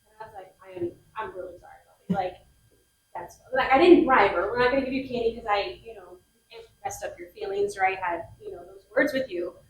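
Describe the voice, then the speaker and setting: A woman's voice: sits high, big pitch swings, a little fast, creaky. A woman co-presenter telling a personal story and acting out the quotes with animation. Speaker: behavior analyst co-presenter. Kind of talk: personal anecdote in a talk. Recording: echoey, far from the mic.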